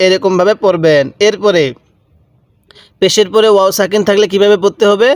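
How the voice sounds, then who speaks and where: A man's voice: high-pitched, steady tone, dry recording, studio quality. A man teaching Quran letter reading step by step, patiently repeating and drawing out each syllable. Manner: patient, repetitive, drawn-out syllables. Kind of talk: step-by-step recitation lesson.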